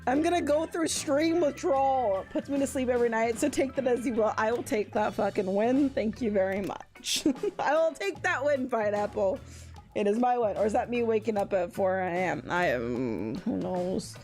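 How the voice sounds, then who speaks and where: High, lively young woman streamer. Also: moderate pace, soft background music. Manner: animated, laughs often, curses freely, chats with viewers. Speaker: VTuber streamer. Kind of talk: casual livestream chat.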